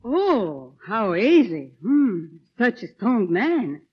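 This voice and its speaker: A woman's voice: high-pitched, very animated, moderate pace, dull audio. An actress playing a feisty, fussy young woman, teasing and blunt in an old film comedy style. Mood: airy, sardonic. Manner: theatrical, blunt, teasing, complaining.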